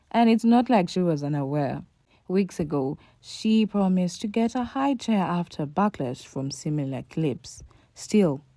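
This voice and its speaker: A woman narrates a scripted commentary voice-over, emphatic and packed with rhetorical questions. Her voice sits low and warm, with no echo.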